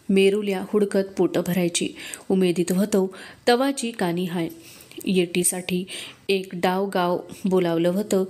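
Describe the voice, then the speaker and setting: A woman's voice: mid-range voice, a little mellow, close to an everyday voice. A woman reading the lines of an elderly, humble village farmer in an audiobook of a historical novel, with rustic, earnest speech. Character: elderly male village farmer, humble, grieving, proud of his son.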